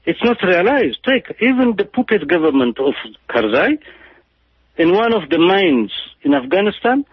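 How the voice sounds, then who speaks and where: Husky-voiced man giving emphatic commentary. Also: fairly high pitch, no echo, muffled recording. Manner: halting, emphatic, frequent restarts and fillers. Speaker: political commentator. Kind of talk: impassioned political commentary.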